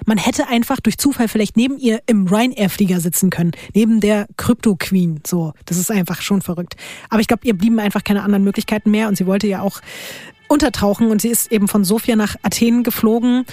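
A woman's voice: medium pitch, a little fast, warm tone, dry recording, studio quality. A young woman hosting a podcast, telling a true crime story in casual, colloquial chat and laughing often.

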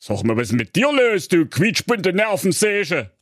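A man's voice: sits high, big pitch swings, measured pace, fairly bright tone, no room sound, clean studio sound, exaggerated voice. A man playing a bossy, hot-tempered male donkey who leads a band in a comedic radio play. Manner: bossy, blustering.

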